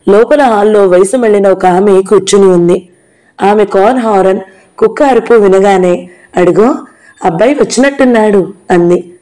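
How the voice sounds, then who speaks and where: A woman narrating a novel aloud in a steady, expressive storytelling manner. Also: medium pitch, poor audio. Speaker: audiobook narrator.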